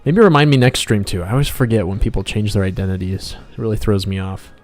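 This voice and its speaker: Over background music, a fast-talking man with a low, dark-toned voice draws on a casual livestream. He's a game developer and artist who rambles at his viewers and mumbles little comments to himself.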